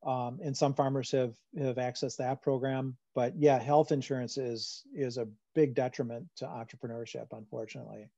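A man's voice: medium pitch, steady tone, moderate pace, creaky, hardly any pauses, warm tone, no echo. A man answering audience questions about farm finances in a webinar, talking conversationally with many fillers and restarts over a video call. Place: home room on a video call. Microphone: computer microphone on a video call. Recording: dull lo-fi video call audio.

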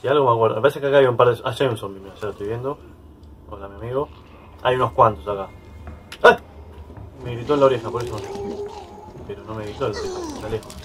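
A man's voice: medium pitch, huge pitch swings, very fast, a little hiss or hum. A man with a Rioplatense Spanish accent giving casual let's-play commentary, chatty and easily startled, yelping and laughing at scares. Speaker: gaming YouTuber.

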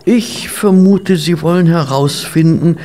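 A man playing an educated doctor and loyal companion in a German radio play, speaking in a measured, explanatory way. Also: fairly high pitch, warm tone, slight background noise. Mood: thoughtful.

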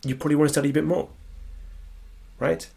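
Here a man with a fairly high, husky voice talks at a quick clip, his delivery flat, with vocal fry and a darkish tone. He's a productivity coach nursing a cold, sniffling through a casual slide-sharing lecture and checking in with "right?" again and again.

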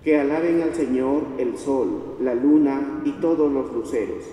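A young man reads a psalm in a measured, solemn way. His tone is mellow and medium in pitch. He sounds distant, with long cathedral echo around him. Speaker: lay reader at a wedding mass. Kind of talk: recited responsorial psalm reading. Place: large church, indoors. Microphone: gooseneck lectern microphone heard from far off. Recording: echoey church, distant, noisy.

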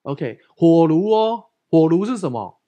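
A man, a pastor speaking Mandarin with a Taiwanese accent, preaching a lively conversational sermon, joking and often asking the congregation if they agree. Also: fairly high pitch, measured pace.

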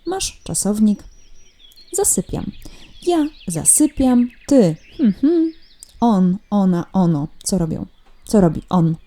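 Woman teacher, remote lesson, patient and teasing, soft warm dark tone. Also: mid-range voice, very animated, measured pace. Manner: patient, gently teasing, uses diminutives. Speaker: primary school teacher. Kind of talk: recorded remote lesson walkthrough. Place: at home.

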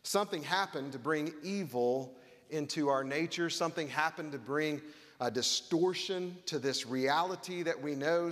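A man's voice: a little high, a bit bright. A man preaching a sermon as pastor, earnest with touches of wry humor, reading scripture aloud. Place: church sanctuary. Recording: long hall reverb.

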